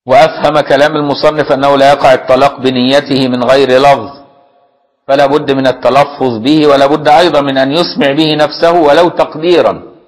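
A man with an Egyptian accent teaching Islamic jurisprudence in a religious lesson. He reads a classical text, then explains it in everyday speech and keeps asking his students whether it is clear. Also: mid-range voice, level tone, fast talker, low-quality recording. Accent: Egyptian Arabic. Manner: explains plainly, often asks listeners if it is clear.

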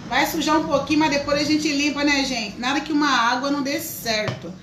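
Female craft host, high and bright, chatty, in an echoey room. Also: fairly even intonation, fairly quick, background noise. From Brazil. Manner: chatty, greets viewers by name. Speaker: craft teacher, live stream host. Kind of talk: live craft tutorial.

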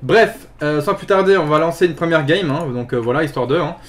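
A man casually commenting on his own gameplay, chatty and full of fillers, with excited yelps when the fighting gets hot. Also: a little high, brisk. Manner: chatty, filler-heavy, repeats "tout simplement". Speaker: gaming video host. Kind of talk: casual let's play commentary.

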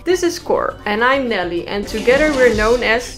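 A woman's voice: fairly high pitch, animated, moderate pace, over music, lightly acted. A woman voicing a formal, overly polite elderly woman in her sixties. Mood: prim.

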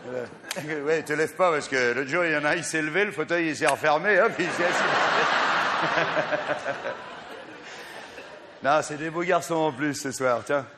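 A male stand-up comedian in a loud, teasing monologue, addressing the audience on a live stage. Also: fairly high pitch, very noisy. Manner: boisterous, teasing the audience, drawn-out exaggerated delivery.

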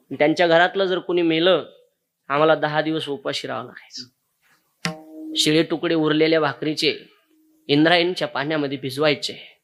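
A man's voice: on the high side, a bit bright. A man, preaching a kirtan sermon and telling a moving story straight to his listeners. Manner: emotional storytelling, addresses audience directly.

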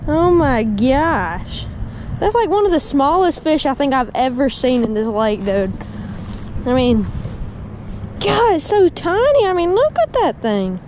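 The voice is very high with big swings in pitch, a little slow and somewhat mellow, belonging to a young fishing vlogger at a windy pond. He keeps up casual commentary for viewers, calling them "guys" and "dude," recorded outdoors on a body-mounted action camera with wind noise.

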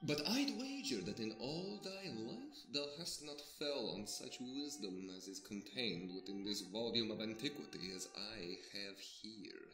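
Here a lowish male voice, lively in intonation and fairly bright, voices an earnest old scholar holding an ancient scroll. He lectures in a grand, old-fashioned manner at an unhurried pace with hardly any pauses. It's an audio drama with roomy reverb and a music bed.

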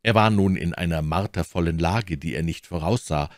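Man, deep low voice, calm measured audiobook narration, dry close sound. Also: no echo. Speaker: audiobook reader.

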